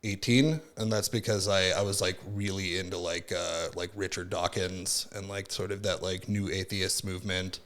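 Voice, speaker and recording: This podcast guest has a deep, steady, fairly bright voice and talks at a moderate pace with few pauses. In his thirties, Finnish-born and from Southern California, he rambles casually and reflectively through his story, leaning on fillers such as "like" and "right?".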